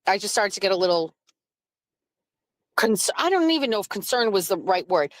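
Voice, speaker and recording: A woman's voice: mid-range voice, big pitch swings, normal speed, no room sound. A woman telling a story on a live stream, rambling with many fillers and reading chat comments. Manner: rambling with frequent "like" fillers and laughs; reads and answers chat comments.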